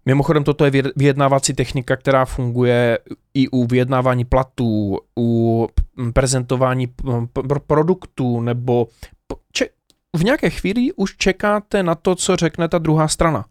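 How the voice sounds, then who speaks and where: Animated man telling a story, dry sound. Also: medium pitch, clear, resonant tone, no room sound. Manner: animated, lots of hesitations and laughs, addresses the viewers directly. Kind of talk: casual storytelling to camera.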